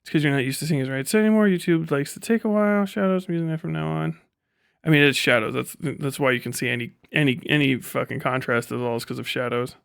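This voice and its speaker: Ranting and chatting with frequent heavy swearing, this content creator hosts a casual livestream from home. His voice is a little high, gravelly yet smooth, recorded close on a studio microphone without echo.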